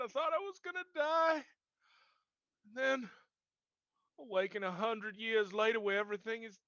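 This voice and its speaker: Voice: mid-range voice, pushed and bright, dry recording, muffled recording. A performer voicing a melodramatic, self-pitying ancient hero and jilted lover in role-play, overwrought and lamenting.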